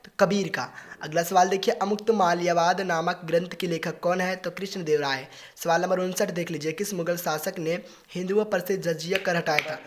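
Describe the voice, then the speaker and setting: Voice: mid-range voice, steady tone, moderate pace, hardly any pauses. An exam-prep teacher runs through revision questions one after another. Each answer is followed by a repeated "okay, next question".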